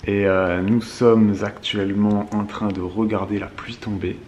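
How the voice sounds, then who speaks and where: A man hosting a casual family vlog, talking in a halting way as he thinks aloud. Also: fairly low pitch, level tone, darkish tone, muffled recording, a little hiss or hum. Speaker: vlog host.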